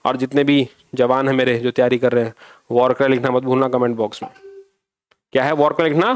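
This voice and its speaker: A man's voice: medium pitch, little pitch movement, fast, smooth, no echo, studio quality. A man teaching an exam review lesson, scolding and pushing his students, mixing English phrases into his talk.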